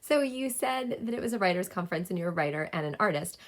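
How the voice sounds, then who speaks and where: A woman's voice: lowish voice, lively intonation, quick pace. A woman hosting an interview, asking questions and reacting with encouragement. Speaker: interviewer host.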